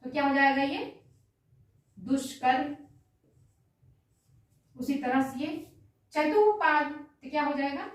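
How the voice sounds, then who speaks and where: High-voiced teacher in an echoey room. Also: female voice, slow, long pauses. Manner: asks questions then answers them herself, repeats answers. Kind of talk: exam-prep grammar lesson. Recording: very echoey room, distant mic.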